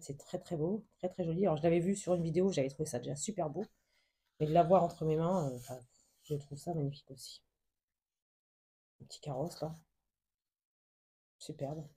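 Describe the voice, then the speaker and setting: Woman, craft vlogger, casual show-and-tell, very mellow dark tone, breathy husky voice, hesitant fillers, gushing. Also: low voice. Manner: soft, hesitant, many fillers, gushing with endless diminutives.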